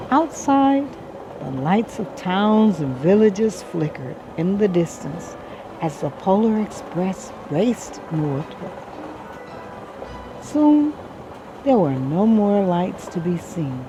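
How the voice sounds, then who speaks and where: A woman reading a children's story aloud expressively, with measured, dramatic phrasing and pauses. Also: on the low side, noisy background. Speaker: children's book reader.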